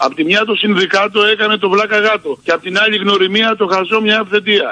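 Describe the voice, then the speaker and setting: A man's voice: high-pitched, fairly even intonation, sharp tone, no echo, rough recording. A man joining the show, joking and reciting comic rhymes.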